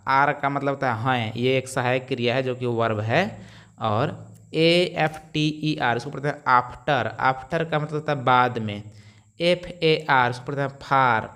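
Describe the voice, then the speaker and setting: A man's voice: medium pitch, a bit bright, smooth. A man teaching English pronunciation rules, explaining step by step and answering his own questions. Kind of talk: spoken phonics lesson.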